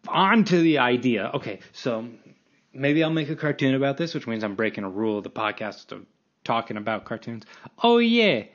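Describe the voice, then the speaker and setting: A man's voice: mid-range voice, a little fast, dull audio. A man in his late twenties hosting a solo podcast, rambling casually and self-deprecatingly with frequent restarts. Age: 20s. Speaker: podcast host.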